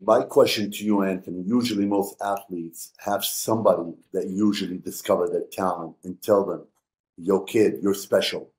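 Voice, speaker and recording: A man's voice: low voice, fairly even intonation, normal speed, hardly any pauses, a little mellow, reverberant. A man hosting a podcast, asking his guest casual, curious questions. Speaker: podcast host.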